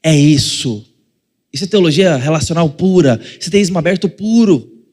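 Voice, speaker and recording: A man's voice: fairly high pitch, animated, moderate pace, darkish tone, long reverb tail. A male pastor with a Brazilian Portuguese accent preaching a sermon in a conversational way, acting out little scenes and speaking straight to the congregation. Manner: addresses the congregation directly.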